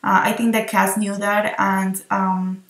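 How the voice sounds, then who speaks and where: A woman's voice: medium pitch, little pitch movement, measured pace, a bit bright. A woman chatting enthusiastically through a rambling film review, recorded on her phone. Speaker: movie reviewer. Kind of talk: casual spoken film review. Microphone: phone recording itself. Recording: echoey room on a phone mic.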